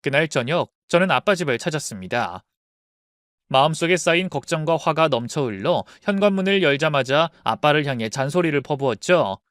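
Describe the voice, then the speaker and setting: A woman calmly narrating her own true family story as a scripted read. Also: low voice, fairly quick, no echo, clean studio sound.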